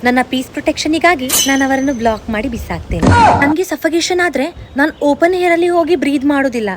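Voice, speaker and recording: A woman's voice: high-pitched, quick pace, very noisy, natural voice. A woman playing a vain, fussy, overly sensitive young woman in a comedy sketch, talking in an affected, dramatic way and mixing English in. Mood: prissy, dramatic.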